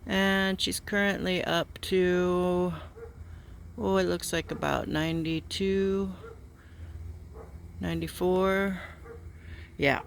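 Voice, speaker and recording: Man, slow halting delivery, slightly high voice, casual garden vlog, faint outdoor noise. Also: little pitch movement, creaky, fairly bright tone. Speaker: gardening vlogger.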